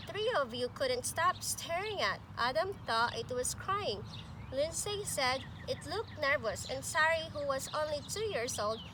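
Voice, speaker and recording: In a noisy homemade recording, a woman reads a picture book to her pre-K class, her high voice full of expression. She breaks off with asides and pauses to put questions to the small children listening.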